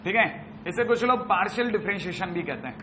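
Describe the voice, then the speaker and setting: A man teaching math in a classroom lecture, brisk and chatty, teasing his students as he works through problems. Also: high voice, lively intonation, noisy background.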